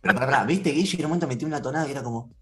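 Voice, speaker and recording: A man's voice: mid-range voice, a crowd in the background. A man, hosting a podcast game and giving the players their tasks. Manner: quick, bossy game-hosting. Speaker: game host. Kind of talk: casual chat.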